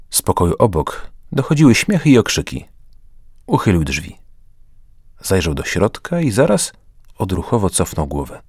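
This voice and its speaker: A man narrating a story in a lively reading style, raising his voice high for the characters' lines. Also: breathy edge, no echo, studio quality. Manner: animated, lifts pitch sharply for characters' lines. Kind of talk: audiobook narration with voiced dialogue.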